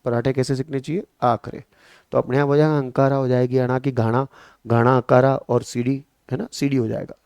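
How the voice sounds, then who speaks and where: Male exam-coaching teacher, Marwari-tinged Hindi accent, mid pitch, dry close sound, keeps asking and answering his own questions. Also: a little fast, creaky, clear, resonant tone, no echo. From Rajasthan, India. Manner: lively, repeats questions to students and answers them. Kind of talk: classroom lecture with memory tricks.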